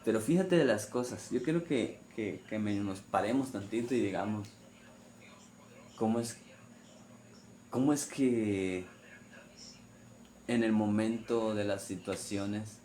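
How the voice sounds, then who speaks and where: A man's voice: lowish voice, takes it slowly, long pauses, dark tone, slight background noise. A man preaching a sermon on the weekly Torah portion, repeating phrases and asking rhetorical questions.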